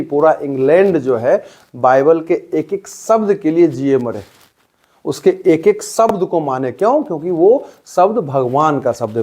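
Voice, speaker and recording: Mellow-voiced teacher. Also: male voice, a little high. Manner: explains step by step, repeats words, asks rhetorical questions. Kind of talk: Hindi explanation of an English poem for school students.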